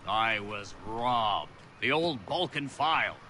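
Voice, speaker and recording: Benjamin Franklin, slow courtly old man. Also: lowish voice, lively intonation, slight background noise, exaggerated voice. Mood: genial. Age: older. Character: genial elderly male inventor, self-mocking, polite. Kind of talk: video game character dialogue. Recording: game audio with loud street ambience.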